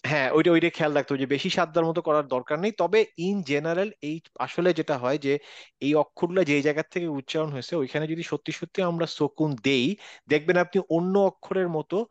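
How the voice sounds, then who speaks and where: A man teaching recitation in an online class, sounding each sound out slowly and repeating it. His voice sits a little high, and it comes through dull and dry, like audio from a video call. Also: dry recording.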